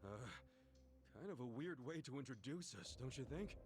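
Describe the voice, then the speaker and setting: A man's voice: mid-range voice, normal speed, darkish tone, slight background noise, natural voice. An actor playing an eager, impulsive male yakuza hero who asks emphatic questions. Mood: puzzled.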